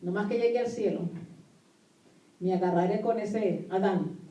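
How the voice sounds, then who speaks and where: A woman pastor, a native Spanish speaker, preaches a sermon that includes scripture reading, emphatically repeating key phrases and posing questions to her listeners. Her medium-pitched voice has a dark tone and a measured pace. The recording sounds muffled, made with a distant microphone in an echoey room.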